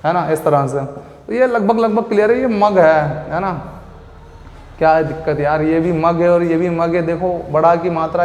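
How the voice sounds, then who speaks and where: High-voiced male teacher in an echoey room. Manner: repetitive, asks and answers his own questions; playful memory tricks, addresses listeners as beta and bhaiya. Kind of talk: exam-prep Hindi vocabulary lesson. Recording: echoey room with long reverb.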